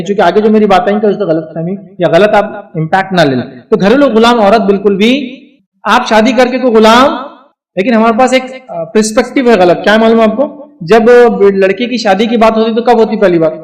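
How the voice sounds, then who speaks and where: A middle-aged man giving a religious advice talk to a live audience, emphatic and full of rhetorical check-ins. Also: sits high. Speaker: lecturer answering audience questions. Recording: voice picked up from a distance.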